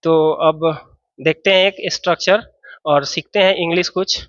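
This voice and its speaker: A male teacher gives a classroom grammar lesson in a high, bright voice. He walks through each rule step by step, often posing a question and answering it himself. The sound is dry and slightly muffled. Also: fairly even intonation, normal speed, no echo. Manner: explains step by step, asks and answers own questions. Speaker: English teacher.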